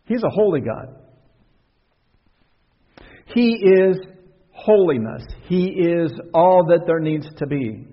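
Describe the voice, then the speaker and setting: A man's voice: fairly high pitch, animated, slow pace, long pauses, breathy edge. A male pastor preaching a conversational sermon, asking the congregation rhetorical questions and letting his voice swell and drop. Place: church sanctuary. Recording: dull recording in a reverberant church hall.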